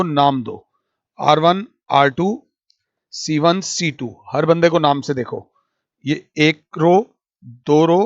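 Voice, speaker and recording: A man delivers a maths lecture at an unhurried, deliberate pace, moving between Hindi and English. His voice sits slightly high, and he repeats each key point for emphasis. The recording is dry and dull, with no room echo. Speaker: maths teacher. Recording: dull lo-fi audio.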